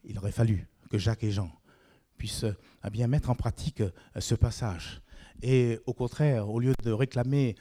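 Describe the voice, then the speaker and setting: A man delivering a sermon with a warm, mellow voice. He preaches in an animated way, often climbing high for emphasis and putting questions straight to his listeners. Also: moderate pace. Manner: frequent fillers "eh bien".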